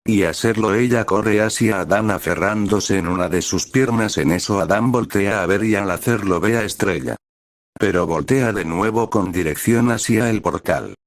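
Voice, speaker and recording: A man's voice: on the low side, normal speed, dry recording, clean studio sound. A man narrating an amateur fan fiction story in a plain, repetitive reading manner. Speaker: fanfiction reader.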